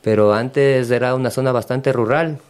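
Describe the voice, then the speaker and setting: A man with an Ecuadorian accent, a guest in an interview, speaking in a relaxed and hesitant way with many fillers. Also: medium pitch, moderate pace, smooth. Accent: Ecuadorian Spanish. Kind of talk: casual interview.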